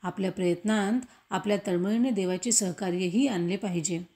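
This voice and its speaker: A woman reading a classic story aloud, with measured, expressive storytelling. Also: medium pitch. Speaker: audiobook reader.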